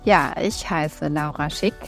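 A woman in her thirties from Berlin, talking casually as a podcast guest, thoughtful and full of filler sounds and pauses. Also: deep voice, faint music behind. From Berlin, Germany. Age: 30s. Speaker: podcast guest, real estate investor. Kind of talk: casual interview talk.

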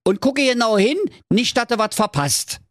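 A man's voice: extremely high pitch, sing-song, moderate pace, fairly bright tone, no room sound, studio quality, pitched above the performer's own voice, full character voice. A man voicing a scrawny, smug young web designer, cheeky and know-it-all. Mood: cocky.

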